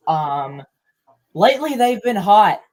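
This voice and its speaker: A young man co-hosting a podcast, casually reacting out loud to a sports broadcast and blurting out results. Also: high-pitched, very animated, takes it slowly, poor audio. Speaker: podcast co-host.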